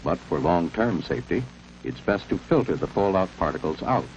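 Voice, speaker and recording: An American man narrating a scripted 1950s civil defense film in a measured, authoritative, instructional manner. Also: deep voice, expressive, a little mellow. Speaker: documentary narrator. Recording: muffled, noisy vintage film soundtrack.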